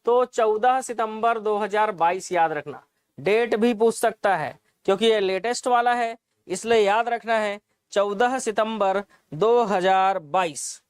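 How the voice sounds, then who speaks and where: A man's voice: sits high, unhurried, clean tone, dry recording, studio quality. A man teaching an exam-prep lesson, explaining answers, repeating key points and asking the class rhetorical questions.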